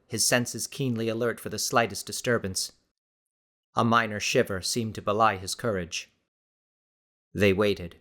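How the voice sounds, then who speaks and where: A male audiobook narrator reading a suspenseful story. His delivery stays steady and measured throughout. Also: on the low side. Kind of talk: scripted narration.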